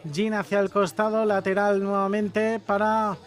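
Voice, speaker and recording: High-pitched male sports commentator. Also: level tone, a little slow, soft background music. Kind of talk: live beach soccer play-by-play commentary.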